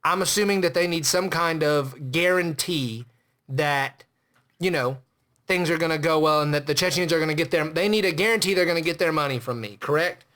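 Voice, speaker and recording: A man's voice: fairly high pitch, fairly quick, bright, forceful tone. A man hosting a comedy podcast, rambling and boastful about himself. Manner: boastful, rambling and self-important. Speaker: podcast host. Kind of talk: comedic character monologue.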